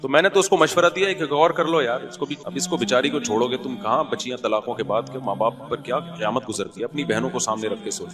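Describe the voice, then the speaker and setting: Preacher guy, animated and jokey, a bit of music faintly behind. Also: mid-range voice, fast, hardly any pauses. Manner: animated, colloquial, joking storyteller. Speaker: Islamic preacher. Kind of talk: sermon.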